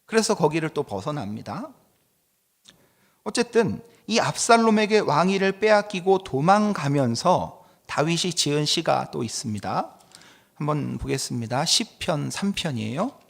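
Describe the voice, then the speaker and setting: Gravelly-voiced pastor in an echoey hall. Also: male voice, a little high, big pitch swings, measured pace. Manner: teaching, reads scripture aloud and asks the congregation questions. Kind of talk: Bible study lecture. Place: church hall.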